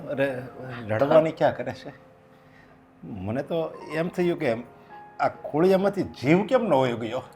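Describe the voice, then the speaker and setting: Actor as defeated middle-aged father, sighing, soft score under. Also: fairly high pitch, lively intonation, measured pace. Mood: hurt. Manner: grieving, heavy sighs. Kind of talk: short film acting. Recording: faint background music. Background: faint music.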